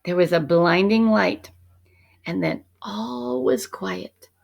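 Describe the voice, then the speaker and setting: Reading a children's picture book, this woman teacher uses a medium-pitched, creaky voice. She narrates with measured, dramatic expression and frequently drops into hushed tones.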